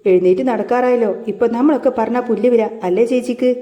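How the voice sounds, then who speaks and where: A woman's voice: a little high, fast, mellow, lightly acted. A woman voicing a stern but caring woman who scolds firmly. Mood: scolding. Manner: scolding, firm. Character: stern, caring older-sister woman, bossy.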